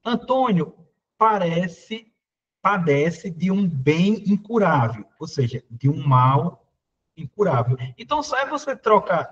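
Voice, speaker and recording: A man's voice: a little high, breathy edge, muffled recording. A man with a Brazilian Portuguese accent teaching an exam prep class, working through questions and talking straight to his students. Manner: talks to students directly, pointing at the board, asks "né?" often. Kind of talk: live online class solving exam questions.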